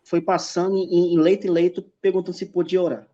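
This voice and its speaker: This guest's voice is high and dark, his delivery flat and brisk. Chatting casually on a podcast, he recounts his faith testimony with emphasis and performs the lines of dialogue himself. The recording sounds dull and lo-fi.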